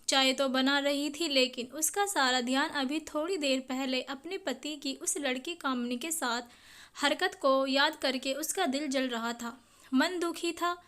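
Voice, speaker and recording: A woman's voice: sits high, a bit bright. A woman narrating a dramatic family story, reading all the characters' lines in her own voice. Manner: reads every character's lines in her own voice, reading the speaker names aloud.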